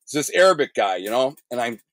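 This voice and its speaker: A man's voice: medium pitch, fast, no echo. A middle-aged man, a guest telling his life story in casual, slangy talk, acting out the other people in it. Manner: animated, acts out other people's lines in the story; blunt street slang with censored swearing.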